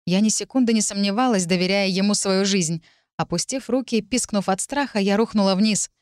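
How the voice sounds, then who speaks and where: A woman narrating a first-person audiobook in a measured, emotive way. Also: medium pitch, no room sound, studio quality.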